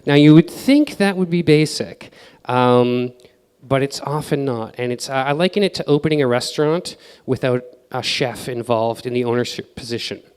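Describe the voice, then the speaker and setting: A man's voice: medium pitch, moderate pace, a little mellow, clear, resonant tone. A man giving a casual conference talk full of fillers, mimicking other people's voices as he gives advice. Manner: casual, filler-heavy advice with acted-out quotes. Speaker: conference speaker. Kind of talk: conference presentation. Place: conference hall. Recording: reverberant hall.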